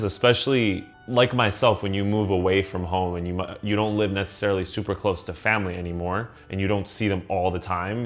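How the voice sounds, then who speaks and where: In a reflective vlog monologue, a young American man thinks out loud with a slightly low, steady voice. He comes across as earnest and conversational, often saying um and restarting his sentences, while gentle music runs quietly in the background.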